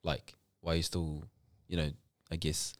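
A man's voice: extremely low pitch, level tone, a little slow, no room sound. A man with a New Zealand accent chatting informally as an interviewer, using plenty of slang. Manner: informal, slangy, frequent "bro" and "you know". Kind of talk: casual conversational interview.

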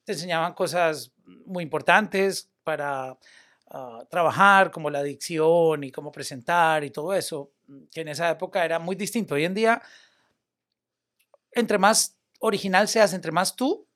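A young man, a media personality and former radio host, chatting casually on a podcast, animated and loose, mixing English words into his talk. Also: fairly high pitch, unhurried.

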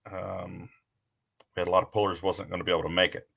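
A man with a fairly low, bright voice works as a tractor pull announcer on a casual live show. His delivery is folksy and conversational, with a forceful edge. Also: level tone, fast talker, vocal fry, breathy edge.

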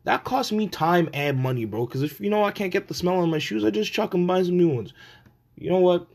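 A man hosting a solo podcast, telling stories and ranting in a casual, profane, slang-heavy and animated way. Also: high-pitched, brisk, gravelly. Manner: profane, blunt, animated street-slang delivery. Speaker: podcast host.

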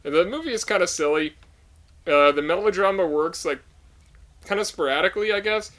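A man's voice: high-pitched, lively intonation, a little fast, fairly bright tone. A man co-hosting a podcast, giving a casual, rambling film review full of fillers. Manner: rambling, many fillers and likes. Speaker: podcast co-host. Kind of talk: casual movie review chat.

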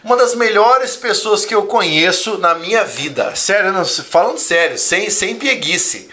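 Man, host of a live chat, teacher, measured and explanatory, slightly higher voice. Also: expressive, sharp tone. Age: adult, father of a young child. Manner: measured, explanatory, reads viewer comments.

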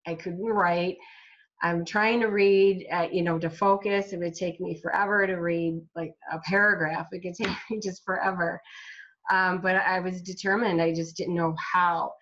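A woman guest telling her personal faith story in an interview, halting, with frequent restarts, recovering from a brain injury. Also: on the low side, fairly even intonation, a bit bright, muffled recording. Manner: halting, with many restarts and fillers. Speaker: guest, self-published author.

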